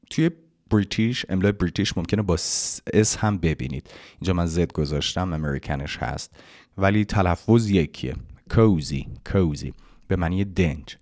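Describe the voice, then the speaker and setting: A man with a very low, deep voice gives an English lesson. He explains pronunciation patiently and drawls each English phrase slowly so learners can copy it. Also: darkish tone. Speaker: English teacher.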